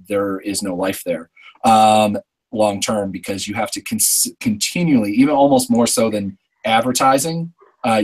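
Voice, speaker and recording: A man with a lowish voice talks through his argument on a podcast panel. His tone is casual and conversational, and he develops his points at length. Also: low-quality recording.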